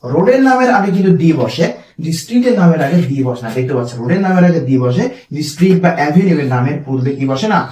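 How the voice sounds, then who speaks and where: Young guy teaching grammar for an exam, talks super fast, asks his own questions then answers, kinda far off the mic in an echoey room. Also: on the high side, animated, darkish tone. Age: young adult. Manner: explains step by step, asks and answers his own questions, reads examples slowly. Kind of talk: online exam-prep lesson.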